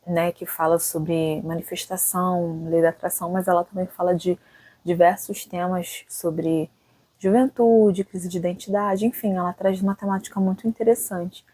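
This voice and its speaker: Thinking aloud as she hosts her channel, this woman in her late twenties keeps her vlog talk casual and reflective, frequently tagging lines with quick questions. Her dark, lowish voice stays fairly even at a moderate pace, with no room sound.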